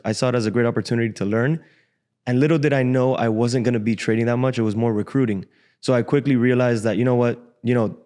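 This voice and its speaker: A Cuban-born man in his twenties who grew up in Miami appears as a guest trader on a podcast, recounting his own story. He speaks relaxed and frank, using casual slang, recorded up close on a studio desk boom mic.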